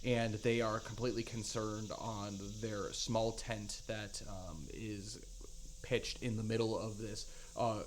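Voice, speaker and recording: A man narrating as game master of a tabletop game, halting with many fillers. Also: on the low side, level tone, slight background noise.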